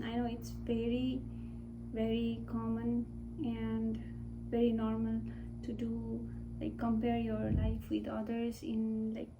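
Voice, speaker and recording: Slow, hesitant young woman vlogging. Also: on the high side, far from the mic, rough recording. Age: 20s. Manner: slow, hesitant, many fillers and restarts. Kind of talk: casual talking-head vlog.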